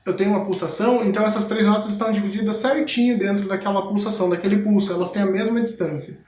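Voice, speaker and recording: Brazilian teacher, male, high-pitched, patient explainer; echoey noisy room recording. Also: fairly even intonation, fast, darkish tone. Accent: Brazilian Portuguese. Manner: patient, explanatory, demonstrating body percussion. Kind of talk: school TV music lesson.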